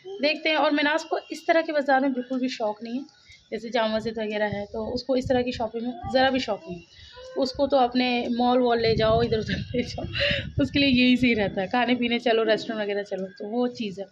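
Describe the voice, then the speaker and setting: A woman in her thirties talks fast to her viewers from her home kitchen, rambling cheerfully between chores. Her voice sits high, and the sound is dull and lo-fi, like a phone recording. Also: steady tone. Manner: fast, talkative, laughing asides. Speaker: vlogger, mother. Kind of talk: casual chatty home vlog.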